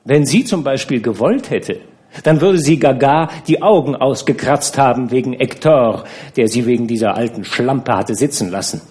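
A man's voice: medium pitch, animated, moderate pace, a little mellow, natural voice. A man reading a novel aloud and voicing a sardonic young woman with a scornful, teasing manner.

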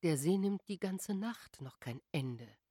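A woman's voice: fairly low pitch, animated, takes it slowly, breathy edge, no room sound, studio quality, pitched above the performer's own voice, heavily acted. Seasick lady of the house, anxious and sighing, read by a female narrator. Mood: weary. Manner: sighing, hushed. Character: worried seasick mother, a gentry lady.

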